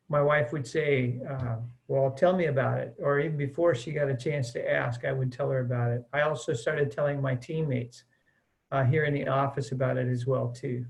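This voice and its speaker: The audio is rough, and the man's medium-pitched voice carries vocal fry. A middle-aged American missions mobilizer, he sits for a laid-back interview, speaking in an earnest, talkative way filled with "uh" and "um."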